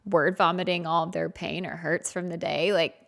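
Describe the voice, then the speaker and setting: A woman co-host talks with a low, gravelly edge, chatty and quick to laugh at herself. Her young adult voice stays casual as she swaps stories in a relaxed podcast conversation. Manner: chatty, self-deprecating, laughs often. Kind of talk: casual chat.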